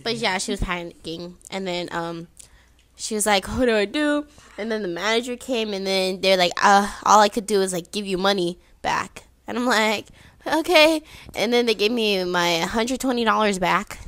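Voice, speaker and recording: A young woman in casual chat, excitedly recounting a friend's mishap. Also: mid-range voice, moderate pace. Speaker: friend, co-host.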